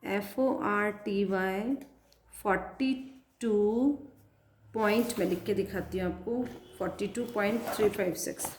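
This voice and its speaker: Lady maths teacher, slow patient counting, echoey classroom sound. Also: mid-range voice, a little hiss or hum. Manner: slow and patient, counting aloud and asking pupils questions. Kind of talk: classroom math lesson, writing as she explains.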